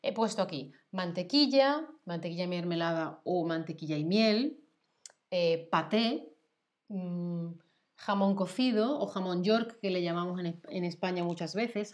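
A woman's voice: on the low side, normal speed. A woman with a Spanish accent from Spain, hosting a casual chat and patiently explaining words like a teacher. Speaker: host. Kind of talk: casual chat with a language lesson.

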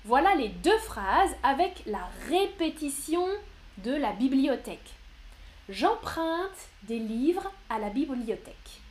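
A woman's voice: sits high, sing-song, takes it slowly, slight background noise. A woman teaching grammar in a live online lesson, patient and encouraging as she answers viewers one by one. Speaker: French teacher.

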